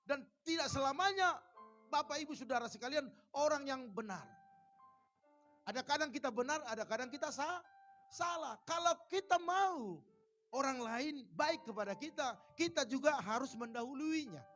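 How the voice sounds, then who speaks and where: A man preaching a church sermon, lively and joking, acting out little everyday scenes. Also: extremely high pitch, normal speed, faint music behind. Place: church service.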